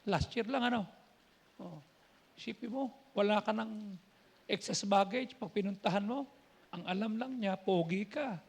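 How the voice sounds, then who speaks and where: A man's voice: high voice, measured pace, creaky, long pauses, breathy edge. A man with a Filipino accent preaching a sermon as a pastor, telling stories in a conversational way and switching between languages. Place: church.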